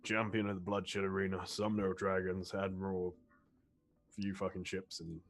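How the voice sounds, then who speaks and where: Man, tabletop player, low voice, brash, blunt, casual. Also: level tone, a little fast. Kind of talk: casual in-character play.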